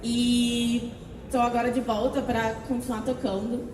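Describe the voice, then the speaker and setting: A woman's voice: a little high, level tone, measured pace, roomy sound, long reverb tail. Young woman panelist, casual and hesitant; far from the mic, noisy room. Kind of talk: panel talk.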